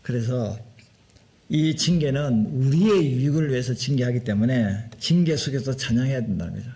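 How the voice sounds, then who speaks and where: A man preaching a Sunday sermon as a pastor, animated and full of rhetorical questions. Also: medium pitch, moderate pace. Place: church sanctuary.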